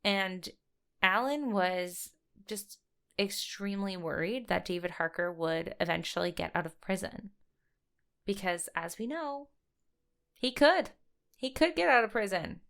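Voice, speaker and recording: A woman's voice: mid-range voice, measured pace, a bit bright. A woman co-hosting a true-crime podcast, telling the case in a chatty, storytelling way and swearing casually. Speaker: podcast co-host.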